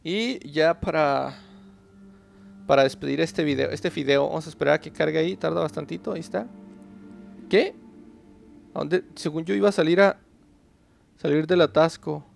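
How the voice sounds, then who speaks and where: Gravelly man narrating gameplay. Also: fairly high pitch, fairly even intonation, moderate pace, long pauses, soft background music. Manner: chatty, talks to himself and the viewer while playing. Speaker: gaming channel host. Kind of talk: casual gameplay commentary.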